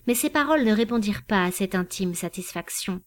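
A woman narrating a literary novel in a calm, even reading voice. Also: mid-range voice, brisk. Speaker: audiobook narrator.

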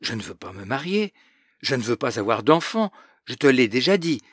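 A man's voice: medium pitch, a little slow, fairly bright tone, slightly rough, dry recording, clean studio sound. A man voicing a frightened, tearful young girl who pleads plaintively. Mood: pleading.

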